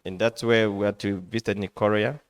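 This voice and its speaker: Man, interpreter, halting, flat delivery, dry sound. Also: lowish voice, clear, resonant tone, no echo. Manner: halting, with restarts and fillers while translating. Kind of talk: live consecutive interpretation into English.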